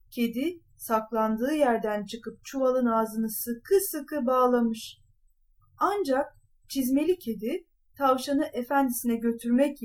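A woman narrating a fairy tale in a calm, measured storytelling manner. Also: fairly high pitch.

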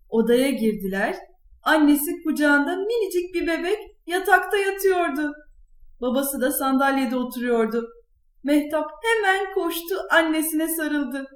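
A woman reading a children's story aloud in a clear, expressive way. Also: sits high. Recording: echoey room.

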